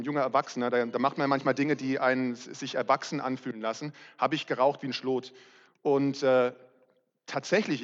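Brief: middle-aged male pastor, candid, self-mocking sermon voice, muffled reverberant hall recording. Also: medium pitch.

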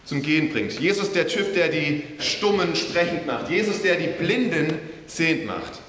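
Bright-voiced man preaching in an echoey hall. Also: a little high, moderate pace. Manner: lively storytelling, addresses the audience, casual slang. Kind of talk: sermon. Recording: echoey hall with faint hiss.

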